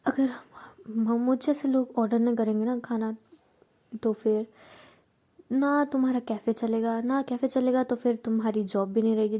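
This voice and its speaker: A curt, shy young woman who cares more than she admits, as a woman storyteller puts her on. She talks brisk and low, often dropping to a hush, in a mellow voice. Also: close to an everyday voice. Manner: curt, brisk, sometimes hushed.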